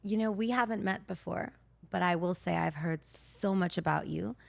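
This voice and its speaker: A woman's voice: on the low side, moderate pace, creaky, no echo. A woman co-hosting an interview, talking in an eager, bubbly way. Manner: warm-hearted praise, eager and bubbly. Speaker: podcast co-host. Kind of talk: casual interview chat.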